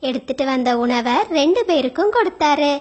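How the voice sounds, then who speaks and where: Woman telling a kids' cartoon story, high-ish voice, steady storytelling. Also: brisk, lo-fi sound. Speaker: narrator. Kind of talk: storybook narration.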